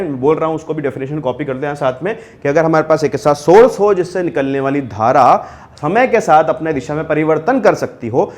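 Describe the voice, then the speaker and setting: A man's voice: on the high side, a little mellow. A man lecturing on physics to students, asking questions and answering them himself, repeating key terms and mixing in English technical words. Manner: mixes English technical terms into his talk. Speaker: physics teacher. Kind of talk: classroom lecture.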